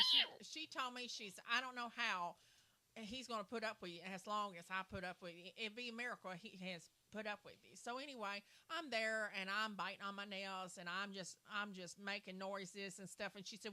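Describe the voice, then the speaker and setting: A woman's voice: mid-range voice, normal speed, pushed and bright. A woman telling a long, rambling personal story on a livestream, circling back with "so anyway.". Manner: rambling, repeats "so anyway" and "and everything". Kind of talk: casual storytelling.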